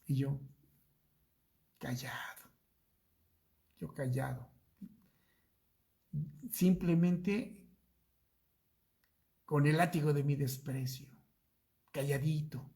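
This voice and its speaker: A man's voice: a little high, gravelly, mellow. A middle-aged man with a Mexican accent, a pastor telling a personal story in a Bible study sermon and acting out dialogue. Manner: slow, drawn-out storytelling with acted-out dialogue.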